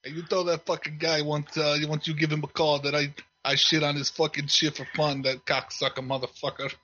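A man's voice: fairly high pitch, level tone, fairly quick, sharp tone, slight background noise. A man doing a cursing fired delivery guy on speakerphone. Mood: furious. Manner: profane, ranting. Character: angry fired male pizza delivery driver. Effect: voicemail played over speakerphone. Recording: dull lo-fi phone line.

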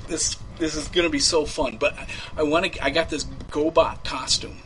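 A man voices an unhinged rich young man who rambles through a prank call, stuttering and restarting constantly. His voice sits somewhat high and sounds bright and forceful. Faint noise hums under the line. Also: fairly even intonation, normal speed, natural voice, rough recording. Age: 20s. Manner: rambling, stammering, full of fillers. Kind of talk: prank call comedy bit.

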